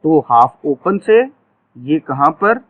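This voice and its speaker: Male teacher, measured classroom pace, repeats sounds for students, tinny lo-fi recording. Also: a little high, expressive. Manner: slow, drawn-out, repeats example sounds. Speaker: phonetics teacher. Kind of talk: classroom lecture. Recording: tinny phone-like audio.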